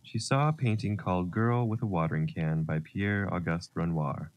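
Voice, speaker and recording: Low-voiced man reading a children's story. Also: moderate pace, highs cut off. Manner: gentle, expressive storytelling. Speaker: narrator.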